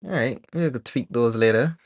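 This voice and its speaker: A man from Barbados, streaming live as a 3D artist, chatting casually and thinking aloud with many pauses and fillers while he works. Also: mid-range voice, no echo. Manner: relaxed, rambling, thinks aloud with many ums.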